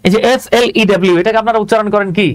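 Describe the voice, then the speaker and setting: A man teaching English in a live online lesson. His voice sits high and the words come fast and chatty, close to the mic, and he keeps checking that the viewers are following along. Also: steady tone.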